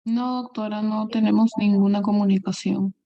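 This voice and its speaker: A woman's voice: medium pitch, fairly even intonation, normal speed, lo-fi sound. A woman student answering her teacher briefly and politely on a video call.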